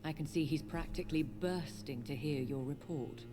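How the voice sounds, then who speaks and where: A woman's voice: low voice, moderate pace, lightly acted. An actress voicing an elegant, teasing upper-class lady in a video game, with a refined, playfully ironic manner. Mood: arch, teasing. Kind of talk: dramatic video game acting. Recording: music behind the voice.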